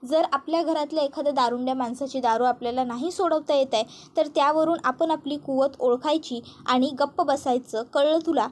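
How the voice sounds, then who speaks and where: A woman voices a sharp-tongued young woman scolding another with cold contempt, her high voice pressing each point. She speaks in a lecturing, accusing tone, as in a retold TV serial scene. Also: fairly quick, few pauses, a little hiss or hum, close to an everyday voice. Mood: scornful.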